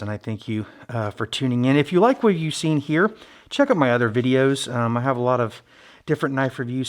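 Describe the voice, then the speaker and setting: Guy doing a casual workshop build vlog, kinda muffled thru a face mask, medium pitch, modest and halting. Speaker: hobbyist knife maker and video host. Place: friend's basement workshop.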